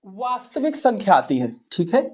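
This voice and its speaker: A woman's voice: mid-range voice, very animated, moderate pace, darkish tone, breathy edge. A woman with a Hindi accent from Uttar Pradesh teaching maths. She asks questions, answers them herself and keeps checking with "ठीक है". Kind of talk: classroom-style explanation to students.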